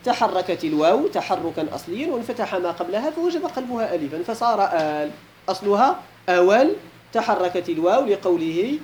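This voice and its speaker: Moroccan sheikh teaching grammar. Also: male voice, high-pitched, very animated, fairly quick, a little mellow, a little hiss or hum. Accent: Moroccan Arabic. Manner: poses questions to students and repeats key points; mixes formal Arabic with colloquial asides. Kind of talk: classical grammar lesson.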